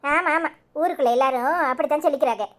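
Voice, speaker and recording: A woman's voice: high voice, a little fast, a little mellow, close to an everyday voice. A woman voicing a jealous young wife in a cartoon comedy, with a Tirunelveli Tamil accent. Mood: weary. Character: jealous young wife Anitha, feverish and pleading. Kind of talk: village cartoon drama.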